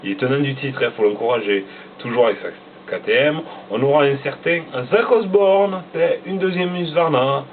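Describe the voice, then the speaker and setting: A man's voice: medium pitch, moderate pace, recorded from a distance, a little hiss or hum. A man, casually reading out a list of riders, tripping over names and joking about it. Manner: stumbles over names, self-mocking. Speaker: motocross vlogger. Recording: tinny phone-like sound from away from the mic.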